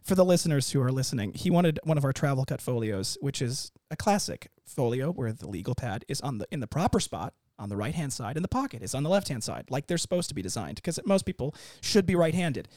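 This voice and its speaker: A man talking as an interview guest, animated and rambling, restarting his sentences. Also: mid-range voice, quick pace, hardly any pauses, dry recording, studio quality. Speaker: company founder, guest. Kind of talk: casual interview chat.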